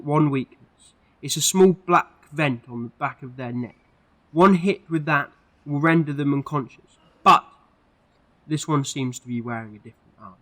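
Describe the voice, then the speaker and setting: A man's voice: fairly high pitch, a bit bright, natural voice. A man playing an eccentric, protective time-travelling hero in an amateur audio drama, earnest and theatrical in delivery.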